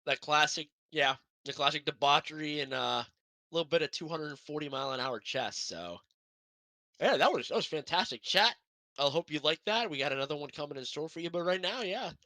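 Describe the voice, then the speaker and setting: A young man talks through a casual racing podcast segment in a rambling, upbeat way. His voice is bright and forward. The sound is dry and close, with no room around it. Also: a little high, lively intonation, fairly quick, dry recording. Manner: rambling, upbeat, self-deprecating. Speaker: sim racing broadcast co-host.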